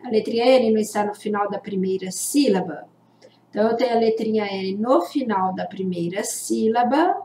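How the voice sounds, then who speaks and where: A woman teacher giving a children's literacy lesson, drawing out syllables slowly and deliberately. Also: medium pitch, dark tone, slight background noise. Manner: slow, deliberate, stretches out syllables for young learners. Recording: echoey room.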